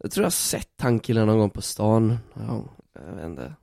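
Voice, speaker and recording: Animated Swedish-speaking storyteller man. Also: on the low side, vocal fry, no echo, studio quality. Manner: animated, acts out quotes, swears casually. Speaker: guest telling stories. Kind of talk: casual podcast storytelling.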